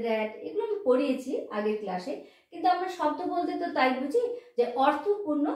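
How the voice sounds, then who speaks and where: A woman teacher explains a language lesson, asking questions and answering them herself. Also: sits high. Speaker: English teacher. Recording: very echoey room.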